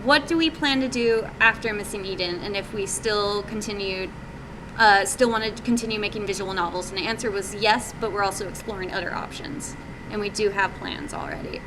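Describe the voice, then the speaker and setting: At a live indoor meetup presentation, a woman who is an indie game developer answers questions informally, casual and a little hesitant as she thinks aloud. Her voice is medium-pitched and fairly quick. The room recording is noisy, with a steady hum.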